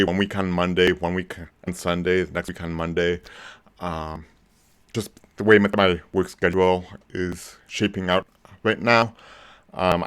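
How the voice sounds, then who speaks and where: A forties-aged man runs a laid-back movie stream, wandering through his thoughts with frequent ums and false starts. His somewhat lowered voice comes across smooth.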